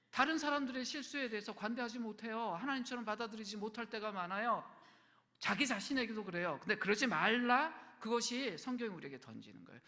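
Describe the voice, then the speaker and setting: A man preaching a sermon as pastor, dropping to near-whispers and then rising to emphatic lines. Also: high-pitched. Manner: shifts between quiet near-whispers and raised emphatic lines. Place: church sanctuary. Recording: long hall reverb.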